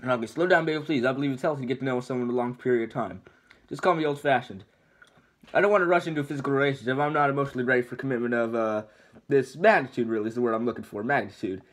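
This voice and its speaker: A man voicing a jittery talking donkey who rambles in a fast, panicky patter. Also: medium pitch, natural voice. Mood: flustered. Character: jittery talking male donkey, motor-mouthed.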